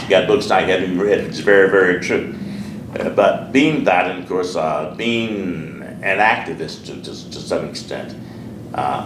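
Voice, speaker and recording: An older man with a Southern American accent, a pastor from Alabama, earnestly recalling his life in an oral history interview, often repeating his words. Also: deep voice. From Sheffield, Alabama. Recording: echoey room, distant mic, noisy.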